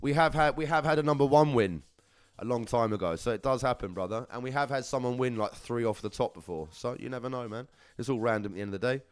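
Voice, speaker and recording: A man's voice: mid-range voice, fast talker, clean tone. A young man, hosting a live competition draw in casual, upbeat chat, calling viewers lovelies and brother.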